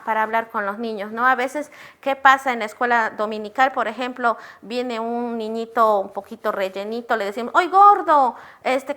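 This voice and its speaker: A middle-aged woman from Peru, with a slightly high, fairly bright voice, teaches a church class on children's ministry. She earnestly poses questions and answers them herself, addressing listeners as brothers.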